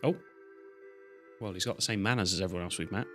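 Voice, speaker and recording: A young man chatting through a live stream of a game in a low voice. He is casual, self-mocking and swears now and then. Soft game music sits under his talk. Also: fast.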